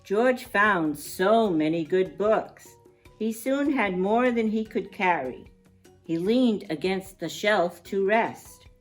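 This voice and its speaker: Taking it slowly, a woman with a mid-range voice reads a picture book to young kids, with soft music playing in the background. She's expressive in storytime fashion, lengthening words for emphasis and chatting in asides.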